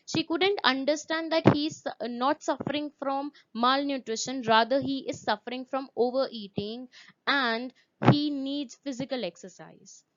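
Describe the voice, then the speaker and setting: Woman teacher, lo-fi recording. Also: high voice. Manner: repetitive, asks the class questions, stresses words with "very, very". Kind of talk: classroom lesson explaining a story.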